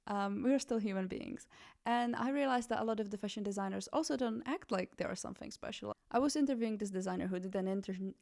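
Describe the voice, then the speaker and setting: A Czech woman in her twenties, a fashion journalist hosting a podcast, talking casually in a chatty, animated way with many self-corrections. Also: medium pitch, creaky. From Czech Republic.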